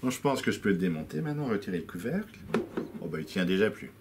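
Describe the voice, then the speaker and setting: A man's voice: low-pitched, big pitch swings, fast talker. A man with a casual, curious way of talking, thinking aloud as he takes a toy instrument apart for his video channel. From France. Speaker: YouTube musician demonstrating an instrument. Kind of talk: casual talk-to-camera while taking apart a toy. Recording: loud background noise and clicks.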